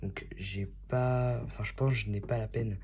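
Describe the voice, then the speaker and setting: A man hosts a casual unboxing video, chatty and enthusiastic as he shows off his boxes. His voice sits fairly low and sounds warm and mellow. There is a faint hiss behind him. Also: fairly even intonation, normal speed. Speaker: YouTube host.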